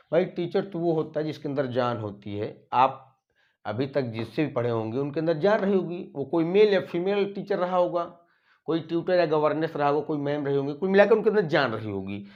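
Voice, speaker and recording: A man's voice: on the high side, muffled recording. A man teaching an exam-prep grammar lesson, asking the class questions, repeating his points and dictating English words letter by letter. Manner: explains slowly, dictating English words and spelling them out letter by letter.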